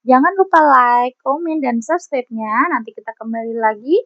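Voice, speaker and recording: A woman's voice: sits high, moderate pace, fairly bright tone, no room sound. A woman giving a casual tarot reading to her viewers, chatty and teasing, often laughing. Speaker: tarot reader. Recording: dry, slightly dull lo-fi recording.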